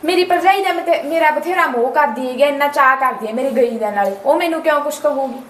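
An actress playing a spiteful, sharp-tongued sister-in-law who scolds her husband's sister. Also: sits high, fast talker. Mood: defensive. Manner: scolding, dismissive. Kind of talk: amateur short-film acting.

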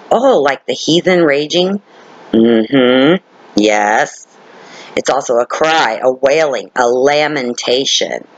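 A man's voice: on the high side, rough recording. A man leading an informal Bible study, reading scripture aloud and explaining it, repeating key words and checking in with listeners. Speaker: Bible teacher.

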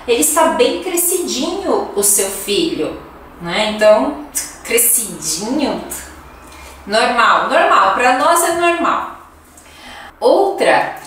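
Slow-talking Brazilian woman teaching, echoey room. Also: fairly high pitch, fairly bright tone. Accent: Brazilian Portuguese. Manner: chatty, laughs often, acts out example phrases. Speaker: Portuguese teacher. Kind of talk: casual language lesson. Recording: echoey room, voice from a distance, faint noise.

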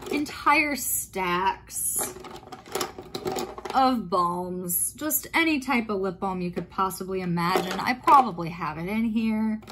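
A woman chats through her nighttime skincare routine, meandering and casual, correcting herself as she goes. She is softly spoken and easygoing. A faint hiss of background noise sits under her voice. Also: a little high. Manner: chatty, meandering, with little fillers and self-corrections. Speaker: skincare vlogger. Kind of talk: casual talk-through while doing skincare.

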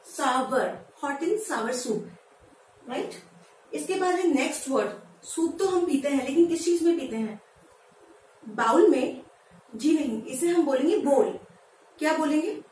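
A woman teaching English pronunciation in Hindi, who asks her viewers questions and spells words out slowly, syllable by syllable. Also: high-pitched. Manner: lively, asks viewers questions and answers them. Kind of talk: Hindi-language pronunciation lesson. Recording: echoey room, voice from a distance, faint background noise.

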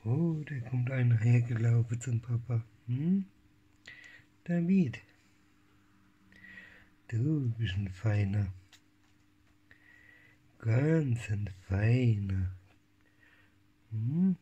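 Soft-spoken man cooing. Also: medium pitch, husky, muffled recording. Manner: soft cooing baby talk, often whispering. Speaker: cat breeder. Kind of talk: casual home video vlog. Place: home room with kittens.

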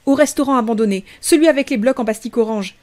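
A woman's voice: a little high, fast talker, darkish tone, voice pushed up, natural voice. A woman voicing a brave, bossy six-year-old girl who speaks firmly. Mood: firm anxious. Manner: firm, insistent.

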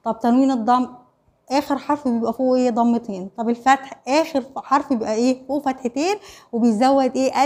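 This Egyptian-accented woman has a high, darkish voice and teaches Arabic online to primary school children. She quizzes them, answers her own questions, and checks their understanding by repeating "خلاص؟" and "ماشي؟".

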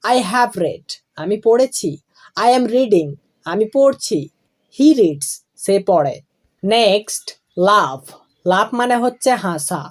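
Female grammar teacher, slow and deliberate, phrase ends dropping low, mid-pitched. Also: expressive. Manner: slow and deliberate, spelling out each form. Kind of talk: classroom explanation of verb forms.

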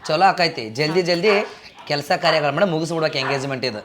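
A woman's voice: deep voice, fast talker, roomy sound, background noise, close to an everyday voice. A woman playing a middle-aged village mother who is proud of the family's wealth, speaking with a North Karnataka accent in a coaxing way. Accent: North Karnataka Kannada. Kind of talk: amateur village comedy drama.

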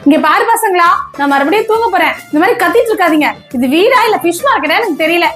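High-voiced scolding woman. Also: expressive, fast talker, soft background music. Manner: scolding, sharp-tongued. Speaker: mother in family comedy skit. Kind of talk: scripted family comedy skit.

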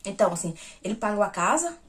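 A woman vlogger talks casually to her viewers in a voice of middling pitch, neither high nor low. She tells a personal story and acts out each exchange she retells. The tone is informal and conversational throughout. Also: sing-song, fast talker, heavy background noise. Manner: talks straight to viewers as "gente". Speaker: vlogger sharing personal news.

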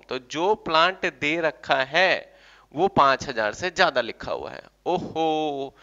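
A male commerce teacher giving a classroom lecture, coaxing and teasing his students with quick questions. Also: a little high, pushed and bright. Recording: dull lo-fi recording.

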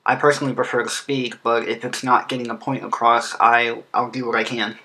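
A man narrates a scripted explainer in a bright, forward voice at a medium pitch. He has a lisp that comes from an underbite, heard as he presents like an online video creator. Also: little pitch movement, fairly quick, poor audio. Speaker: video creator presenting a fan game track design.

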